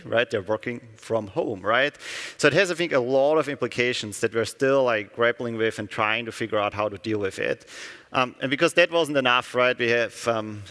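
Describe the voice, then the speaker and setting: A man's voice: on the low side, fairly bright tone. A middle-aged man who grew up in Austria, giving a conversational conference keynote and often turning to the audience with "right?". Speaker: company executive giving a keynote. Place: conference hall. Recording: long hall reverb.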